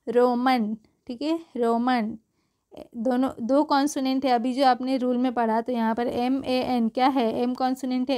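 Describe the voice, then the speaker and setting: Hindi-speaking woman teaching slowly, letter by letter. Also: high voice, darkish tone. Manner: slow, drawn-out spelling of letters; checks in with frequent "okay" and rhetorical questions. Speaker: English teacher. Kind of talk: explaining pronunciation rules.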